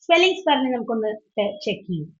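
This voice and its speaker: A woman's voice: fairly high pitch, very animated, rapid-fire. Patient woman teacher on a lo-fi call. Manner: patient, questioning, mixes English into explanations. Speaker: English teacher. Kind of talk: online class teaching. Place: online video class. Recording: dull lo-fi online call audio.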